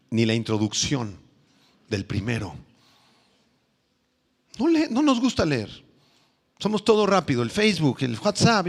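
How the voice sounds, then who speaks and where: A Mexican pastor giving an animated sermon in a church, swinging from loud questions to hushed tones, with reverb from the hall. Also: male voice, a little high, gravelly. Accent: Mexican Spanish. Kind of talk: evangelical sermon.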